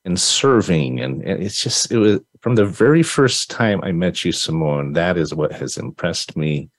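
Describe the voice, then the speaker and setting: Low-voiced, effusive male podcast host. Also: animated, normal speed, no room sound. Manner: effusive, rambling, lots of restarts. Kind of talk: casual interview.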